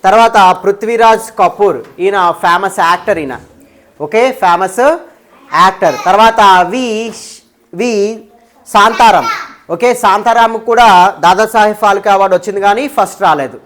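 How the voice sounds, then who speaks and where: A woman's voice: medium pitch, moderate pace. Woman teacher who keeps asking "okay?". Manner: keeps checking "okay?", mixes English terms in. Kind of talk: exam paper explanation class. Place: live class with students.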